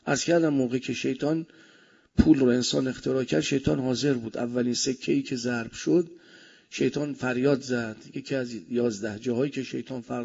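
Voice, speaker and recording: A male preacher with speech delivers a sermon with a gravelly, husky voice. He swings between loud emphasis and soft asides. The recording sounds dull and lo-fi. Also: mid-range voice.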